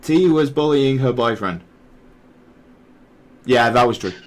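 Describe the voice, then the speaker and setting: Reading comments from the live chat, this young man from Britain hosts a podcast in a loose, rambling way, going slowly and frequently starting sentences over. His medium-pitched voice is expressive, with slight noise in the background.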